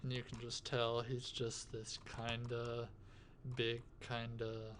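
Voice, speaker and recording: Slow, soft-spoken ASMR man with tapping. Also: mid-range voice, completely flat delivery. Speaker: ASMR video host. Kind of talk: soft-spoken ASMR, casual rambling movie talk. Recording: clicking, tapping noise behind voice. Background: finger tapping and clicking sounds.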